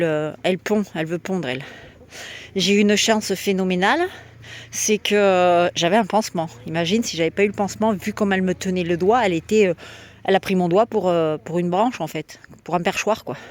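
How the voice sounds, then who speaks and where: Chatty woman vlogging from her henhouse. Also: medium pitch. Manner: chatty and spontaneous, coos fondly at her hens. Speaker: backyard poultry keeper vlogger. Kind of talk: casual vlog chat. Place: outdoors by a henhouse.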